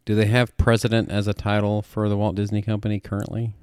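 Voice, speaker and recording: A man with a low, deep voice co-hosts a casual podcast. He talks with a dry, playful wit. The recording is close and dry, with no room echo. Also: completely flat delivery, fast, darkish tone, clean tone. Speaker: podcast co-host.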